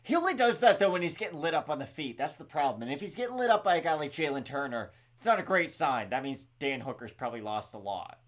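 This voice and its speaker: A man's voice: a little high, animated, fast, hardly any pauses. A man co-hosting a live fight watch-along, giving casual, opinionated analysis of the fighters. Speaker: co-host.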